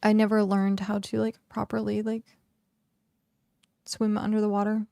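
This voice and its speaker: Gravelly-voiced woman streamer, chatty. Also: medium pitch, completely flat delivery, normal speed, warm tone, no room sound, studio quality. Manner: rambling, chatty, heavy use of "like". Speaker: game streamer. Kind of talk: casual live-stream chat while gaming.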